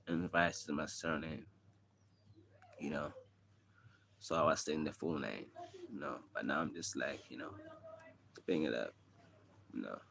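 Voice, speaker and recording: Laid-back South African man, low voice. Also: creaky, a bit bright. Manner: rambling, laid-back, frequent "you know" fillers. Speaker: livestreaming rapper. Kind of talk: casual livestream chat. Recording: faint background noise.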